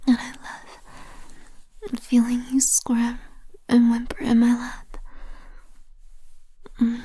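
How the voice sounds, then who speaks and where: A woman speaking in a soft, breathy whisper close to the microphone, in a slow, intimate roleplay. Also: fairly high pitch.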